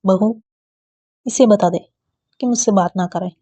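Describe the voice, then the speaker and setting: A woman's voice: medium pitch, unhurried, warm tone, breathy edge. A woman voicing a playful old grandmother who scolds her granddaughter in a teasing, mock-stern way in a storybook reading. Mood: teasing scolding.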